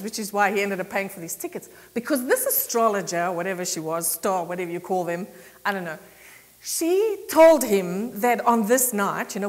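Chatty woman pastor in an echoing hall. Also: medium pitch. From South Africa. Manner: chatty, laughs often, animated quoting. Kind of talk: conversational sermon with storytelling. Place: church sanctuary.

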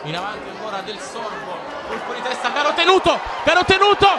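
A man giving breathless goal commentary live on a football match, shouting excitedly and repeating players' names. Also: sits high, a little fast. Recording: loud stadium crowd noise behind commentary. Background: cheering football stadium crowd.

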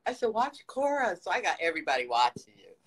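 On a phone video chat from an office under ceiling lights, a fan from the United States in her sixties talks fast at medium pitch, her voice swinging widely up and down. She gushes with warm praise, encouragement, and lots of laughter into a phone camera held near. The recording is rough with a faint hiss or hum.

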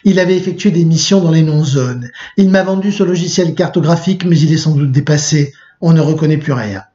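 A man's voice: fairly high pitch, a little fast, mellow, natural voice. A man reading aloud the lines of a restless, despairing young man from a novel. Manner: earnest, read aloud from a book. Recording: muffled lo-fi recording.

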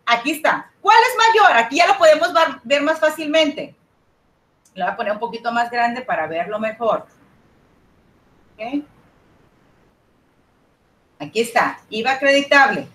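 High bright-voiced lady teaching an accounting class, keeps asking if everyone's following. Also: animated. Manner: asks students frequent check-in questions; repeats key points slowly. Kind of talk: online class lecture.

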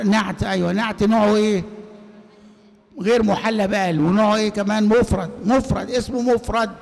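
A man's voice: high voice, creaky. A man teaching grammar in an Egyptian accent, quizzing his class and leaving sentences open for students to finish. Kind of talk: classroom lecture. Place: large mosque hall. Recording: reverberant hall.

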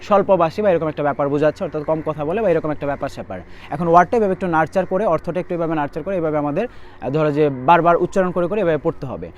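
A young man teaching vocabulary for admission tests, repeating word lists quickly as a tutor. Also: on the high side, slight background noise. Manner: rapid, repetitive drilling of word lists. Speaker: English tutor. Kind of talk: admission test vocabulary lesson.

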